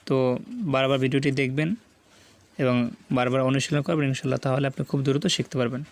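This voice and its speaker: A man with a Bangladeshi Bengali accent teaching Quran reading. He spells out syllables slowly and deliberately, and asks the viewers to repeat after him. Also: mid-range voice, flat delivery. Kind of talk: slow spelled-out recitation lesson.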